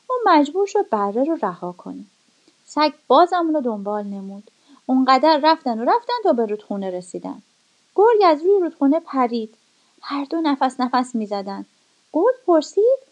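A woman reading a children's storybook aloud, expressive and lively. Her voice is high and swings widely in pitch, shaping each turn of the tale. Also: slightly rough, lo-fi sound.

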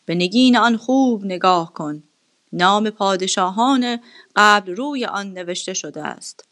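A woman's voice: medium pitch, a bit bright, pitched below the performer's own voice, lightly acted. Woman voicing a selfish, hot-tempered king. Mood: imperious.

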